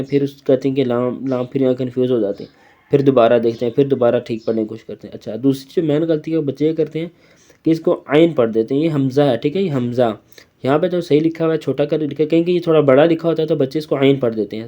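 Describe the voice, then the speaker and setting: Male reading teacher, mid-pitched, patient, stretches syllables for kids; slightly muffled lo-fi audio. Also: steady tone, warm tone. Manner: patient, repeats "okay?" often, drawls syllables when reciting. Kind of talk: slow recitation lesson for children.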